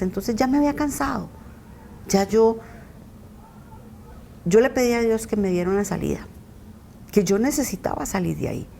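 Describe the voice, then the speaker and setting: A woman's voice: fairly low pitch, dark tone, slight background noise. A middle-aged woman giving an earnest personal testimony as a podcast interview guest. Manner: earnest, recounting, often acting out quoted voices.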